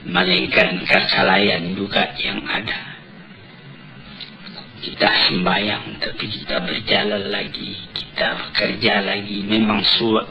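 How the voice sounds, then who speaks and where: A man preaching a sermon on an old cassette tape recording, deliberate and emphatic, asking rhetorical questions. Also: lowish voice, gravelly, dull audio.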